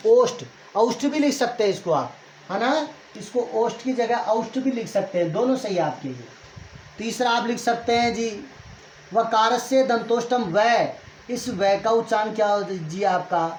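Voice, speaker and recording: Male teacher drilling in an echoey room. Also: very high-pitched. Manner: asks questions and answers them himself, drilling by repetition. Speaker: Sanskrit grammar teacher. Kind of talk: classroom lecture at a board. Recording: echoey room with faint noise.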